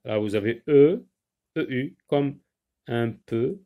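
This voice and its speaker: Taking it slowly, an expressive mid-pitched male teacher dictates a French spelling lesson, stressing each word and spelling it out letter by letter. He addresses pupils and parents directly, and the sound is phone quality.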